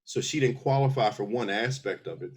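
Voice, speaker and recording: The speaker, a middle-aged army veteran from Philadelphia, USA, talks fairly quickly in a medium-pitched voice with a breathy edge. As a guest in a casual interview, he explains earnestly, step by step, restarting often.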